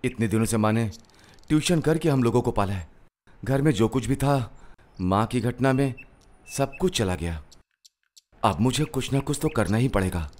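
A man's voice: medium pitch, expressive, moderate pace, pauses often, a little mellow, a little hiss or hum, close to an everyday voice. Guy playing a broke young son, earnest and pleading, movie dub. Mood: somber. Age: young adult. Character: young man, anxious dutiful son seeking work. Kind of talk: dubbed film dialogue.

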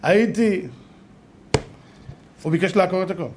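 A rabbi gives a lively Torah lesson, peppering his listeners with rhetorical questions and acting out little stories. His high-pitched male voice swings between loud outbursts and hushed asides. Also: noisy background.

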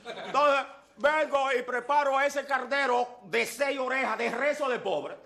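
A man's voice: very high-pitched, measured pace, pushed and bright. A man doing a boisterous stand-up comedy monologue, full of exaggeration and punchy repeated lines. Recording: live show with audience laughter.

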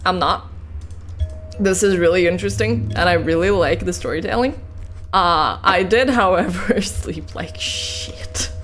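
A woman's voice: fairly low pitch, a little slow, a bit bright, faint music behind. A tired, yawning woman giving casual, rambling commentary while she plays a game, swearing casually and laughing often. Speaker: let's play gamer.

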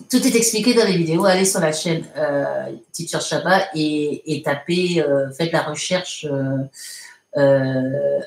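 In an echoey room, a woman of medium pitch runs a live online English class. She reads viewer comments aloud and fixes them patiently, one step at a time, at a slow pace with frequent fillers.

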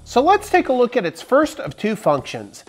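This woodworking host's voice is extremely high and swoops wildly in pitch, though his pace is normal. In his forties, he reviews a tool in a large barn workshop with upbeat, jokey explanations over a lapel mic, soft music playing behind.

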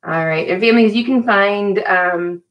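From a small indoor room at home, a thirty-something woman leads young children through a live storytime, encouraging them and talking to them directly as a teacher might. Her mid-range voice moves at normal speed as she sing-songs hello to each child by name.

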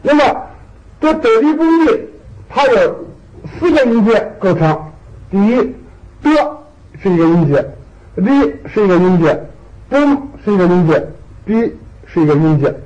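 Lively-pitched male language teacher. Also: highs cut off. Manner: patient, repeats key points with drawn-out particles. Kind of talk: classroom lecture.

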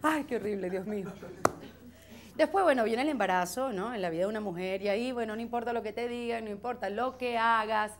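A woman with a Venezuelan accent performing a lively comic monologue on stage, exclaiming as she goes. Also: a little high, fairly quick, a crowd in the background. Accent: Venezuelan Spanish. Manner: animated, exclaiming, slips into acted quotes. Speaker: stand-up comedian.

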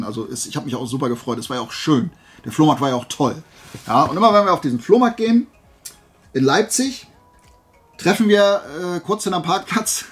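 Hosting a flea market haul video, this man has a slightly high voice with a fairly bright tone. He chats casually with his viewers, wandering off topic and correcting himself as he goes.

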